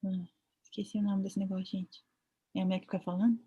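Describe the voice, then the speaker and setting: A woman's voice: medium pitch, level tone, quick pace, dark tone, breathy edge, highs cut off. A woman with a Brazilian Portuguese accent giving a chatty online veterinary ultrasound lecture, often acting out her own thoughts.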